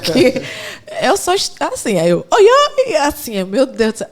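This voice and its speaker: A woman's voice: a little high, normal speed. A woman, a podcast consultant guest, chatting casually and expressively. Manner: expressive, laughs often, coaching tone. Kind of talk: casual chat.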